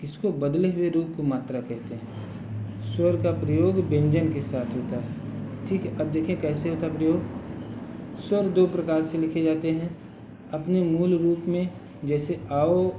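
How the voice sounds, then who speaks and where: Slow, patient male grammar teacher. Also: on the high side, background noise. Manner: slow, patient explaining with frequent "ठीक है" check-ins. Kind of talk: recorded Hindi grammar lesson. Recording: dull echoey room sound.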